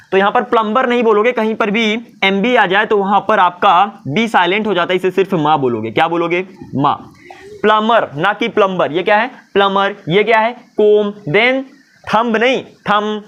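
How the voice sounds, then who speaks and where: A man's voice: high voice, brisk, few pauses, highs cut off. A man teaching English pronunciation in a Hindi-English video lesson, asking and answering his own questions. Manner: lively, asks and answers his own questions, voices imagined students.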